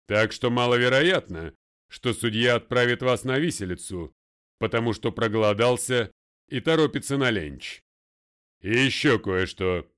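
A man puts on a stern, domineering older lawyer for an audiobook, booming and slow, every word weighed. His tone is smooth and resonant, and he speaks as if no one would dare interrupt. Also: close to an everyday voice. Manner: loud, commanding, slow and deliberate. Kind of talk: audiobook character voice.

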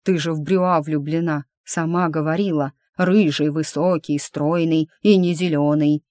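A woman voicing a gruff half-goblin young man. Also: low-pitched, fairly even intonation, measured pace, mellow, no echo, studio quality. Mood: sulky. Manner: grumbling.

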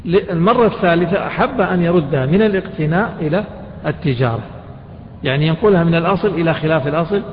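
A man's voice: a little high, fast talker, a little hiss or hum. Man lecturing in an echoey hall. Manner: quizzes students with frequent questions, colloquial asides. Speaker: Islamic jurisprudence teacher. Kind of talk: classroom lecture explaining a text. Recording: dull reverberant lecture hall recording.

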